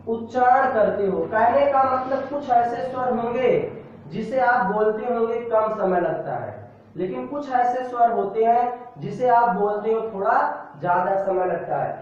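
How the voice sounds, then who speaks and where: A man's voice: high-pitched, heavy reverb, distant mic, lo-fi sound. A male teacher giving a lesson, drilling students with repeated questions and answers. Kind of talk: classroom lecture.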